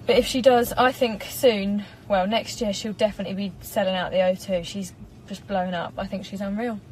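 Casually chatting and reading comments on a live stream, a singer in her twenties with an English accent speaks from a parked car into a phone propped in front. Her mid-range, slightly mellow voice keeps fairly even intonation at a moderate pace, and she comes across as giggly and bubbly. Poor audio carries slight background noise.

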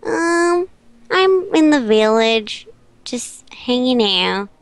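A woman chats casually while gaming with friends. Her voice is a little high and very dry in sound, with a playful, girlish enthusiasm. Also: expressive, very slow, no room sound. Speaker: player in group game.

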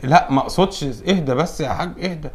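Fast placating Egyptian young man. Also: on the high side, slight background noise. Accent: Egyptian Arabic. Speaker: comedy actor, son in the sketch. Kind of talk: Egyptian comedy sketch acting.

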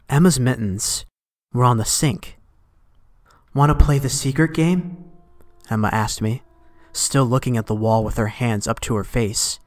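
A man's voice: mid-range voice, no room sound. Man narrating a creepy tale, dry. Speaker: horror story narrator. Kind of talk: scripted horror narration. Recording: dry close recording, faint music behind. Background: faint music.

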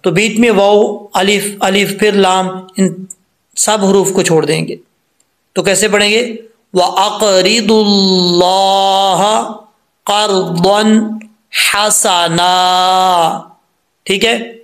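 A man teaching Quran pronunciation, patiently explaining each mistake step by step and then reciting the verses slowly in a chanted voice. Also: sits high, steady tone. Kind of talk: tajweed lesson with slow chanted recitation.

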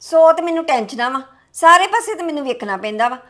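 A woman playing a young wife with a high, voice, fretting over money. She complains sharply and sounds worn down by worry. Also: animated, fast. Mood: defensive. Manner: sharp, complaining, then weary and low. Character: stressed young wife worried about debts. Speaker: daughter-in-law character.

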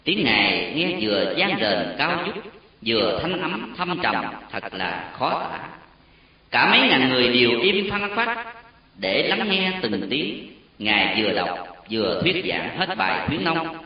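A man narrating a solemn story with an expressive, emotional delivery. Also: mid-range voice, a little slow. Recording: very echoey, distant, dull lo-fi sound.

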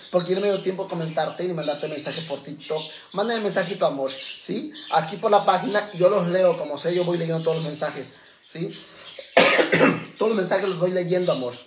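A man chatting on a home livestream, campy and self-mocking, calling his viewers sisters. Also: fairly high pitch. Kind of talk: casual livestream chat. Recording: echoey room, faint background noise.

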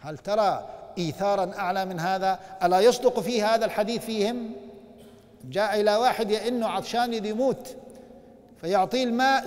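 A male professor delivers a religious lecture in an earnest teaching manner, stopping often to put rhetorical questions to his listeners. His voice sits fairly high, and he moves between formal phrasing and everyday speech. Each word trails off into the long echo of a large mosque hall. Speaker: university professor lecturing on the Prophet's biography.

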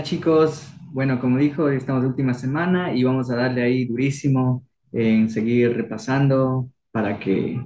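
A man's voice: medium pitch, darkish tone, slight background noise. A young man from Ecuador teaching a language class, coaxing students with encouraging quiz questions. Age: young adult. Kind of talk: online class, quizzing students.

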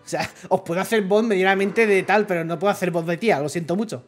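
A man's voice: high voice, fast, soft background music. A man giving playful, chatty commentary on a video game. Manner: playful, chatty, laughs often. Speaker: gaming youtuber. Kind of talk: let's play commentary.

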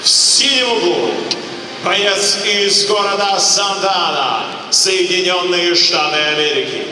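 A man working as a ring announcer, introducing fighters in a dramatic style with drawn-out names. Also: heavy reverb, in a large hall, recorded from a distance. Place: large indoor ice arena. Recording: boomy arena PA from afar, noisy crowd.

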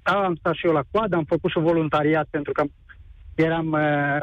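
A man calling in to a live radio show, halting and repeating words as he rambles toward his question. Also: on the high side, steady tone, no echo. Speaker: caller. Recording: dull, dry phone line.

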